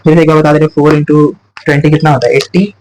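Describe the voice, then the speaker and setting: A man's voice: fairly high pitch, flat delivery, fast talker, a little mellow, rough recording. A male maths teacher from explaining sums step by step, asking and answering his own questions and repeating each point. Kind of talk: chalkboard maths lesson.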